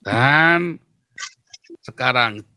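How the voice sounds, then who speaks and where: A man's voice: medium pitch, expressive, very slow, pushed and bright, clear, resonant tone, no echo. A man, a pastor hosting a live stream, talks casually, jokes around and confesses his past with emotion. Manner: joking, then confessional and emotional. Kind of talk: casual preaching chat.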